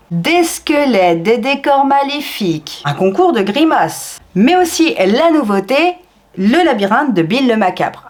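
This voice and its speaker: A woman vlogger chatting enthusiastically, with fillers and frequent swings in pitch. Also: darkish tone. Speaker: theme park vlogger. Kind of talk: casual vlog narration.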